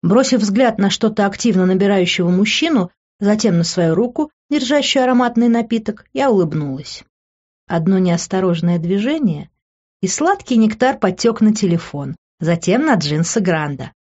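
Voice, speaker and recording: A woman reading a first-person audiobook narration in a playful, lively way, switching between character voices. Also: mid-range voice, normal speed. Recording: dull lo-fi recording.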